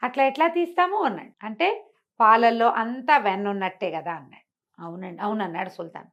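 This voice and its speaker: A woman with a medium-pitched, slightly bright voice speaks a little fast, and the audio has its highs cut off. She animatedly tells a moral fable aloud, acting out the dialogue and using rhetorical questions to explain.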